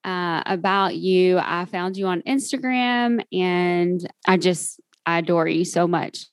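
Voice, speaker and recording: The clean, echo-free studio recording captures a podcast host from Kentucky, USA, whose low, clear, resonant voice has a Southern US accent. She takes a slow pace while chatting and giggling through a casual interview with plenty of fillers.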